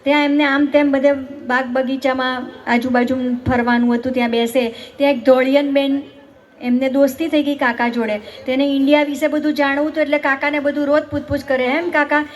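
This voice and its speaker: A woman on stage telling comic stories, with a high, clear voice. She teases the audience and keeps asking them questions, in a lively, chatty way. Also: brisk. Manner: chatty, teasing, talks directly to the audience. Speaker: stand-up comedian. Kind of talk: stand-up comedy storytelling.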